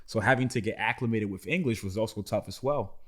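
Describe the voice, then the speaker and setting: This podcast guest is a man in his twenties from the Dominican Republic, recounting his life in a sincere, slangy way during a relaxed interview. He talks quickly, and his lowish voice has a fairly bright quality.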